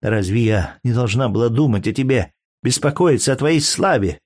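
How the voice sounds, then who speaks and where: A man's voice: medium pitch, animated, normal speed, darkish tone, dry recording, clean studio sound, close to an everyday voice. A man reading aloud and voicing a jealous, scornful young Greek courtesan with a biting, mocking manner.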